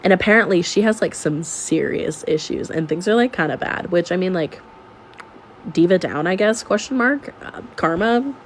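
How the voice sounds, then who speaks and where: A young woman, sick and a little congested, tells a messy personal story for a storytime vlog. Her voice is lowish and her pace normal, with slight background noise. The retelling is animated, sarcastic and dramatic.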